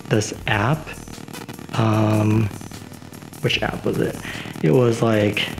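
A man's voice: on the low side, vocal fry, poor audio. A man giving a casual tour of his houseplants at home, rambling with lots of fillers. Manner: relaxed, unhurried. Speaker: plant vlogger.

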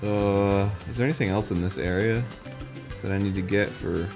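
A man streams a video game and comments on it live, cursing freely and jumping between relaxed chatter and sudden high-pitched shouts. Faint game music plays softly underneath his voice. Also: normal speed. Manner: excitable, profane, swings into loud high-pitched yelps.

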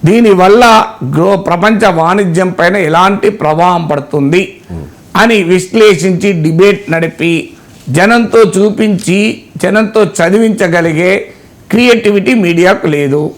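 A man's voice: high voice, unhurried. A man giving political analysis, emphatic and ironic, piling up rhetorical questions. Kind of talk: spoken political commentary.

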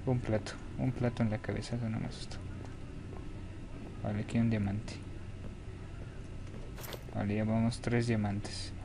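A man's voice: on the low side, little pitch movement, moderate pace, gravelly, pauses often, noisy background. A young man with a Mexican Spanish accent, commentating a horror game and talking to himself in a jittery way. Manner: jittery, begging, talks to himself. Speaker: gaming YouTuber.

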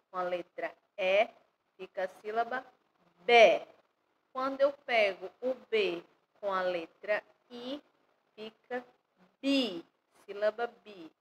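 A woman with a Brazilian Portuguese accent teaching first graders online, sounding out syllables slowly and stressing them loudly. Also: fairly high pitch, a little hiss or hum, poor audio. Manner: slow, stresses syllables loudly when spelling. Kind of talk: online lesson for young children. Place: home or classroom, recorded for an online class.

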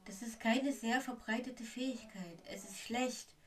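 A woman's voice: on the high side, unhurried, distant mic, voice pushed up, natural voice. A woman reading aloud and voicing a clever, bossy young girl witch who speaks firmly.

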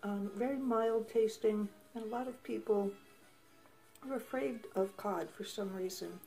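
A woman's voice: medium pitch, unhurried, creaky, faint music behind. A woman hosting a home cooking show, chatting casually to the camera as she tastes her food. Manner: relaxed, chatty, tasting food while talking.

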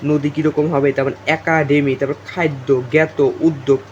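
A man's voice: a little high, little pitch movement, a little fast, muffled recording, slight background noise. A young man from Bangladesh tutoring students for an exam, talking to them directly, repeating himself and filling gaps with fillers. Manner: repetitive, addresses students directly, many fillers. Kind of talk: informal exam-prep lesson.

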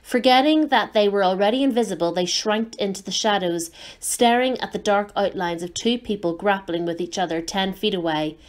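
Woman storyteller, children's novel read aloud, clear, steady, expressive, middle pitch. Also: moderate pace, few pauses.

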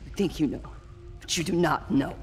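A woman's voice: deep voice, moderate pace, lightly acted. A woman voicing a stern female mercenary leader in a video game, terse and formal. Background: game music.

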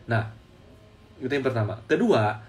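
A man's voice: mid-range voice, expressive, moderate pace, far from the mic. A man, a stock trading educator, telling a story in casual explanatory talk and often repeating his phrases for emphasis. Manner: storytelling, repeats phrases, addresses viewers as friends.

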